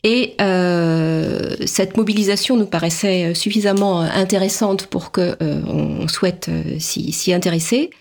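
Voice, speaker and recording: A woman speaks as a guest on a radio interview, with a low voice that has a strong gravelly fry. She explains at a measured pace and pauses now and then on fillers. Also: steady tone, darkish tone. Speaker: sociologist guest.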